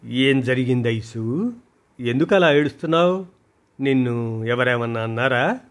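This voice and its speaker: A man's voice: medium pitch, expressive, measured pace, close to an everyday voice. A man voicing an anxious, caring mother who fires off coaxing questions. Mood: worried.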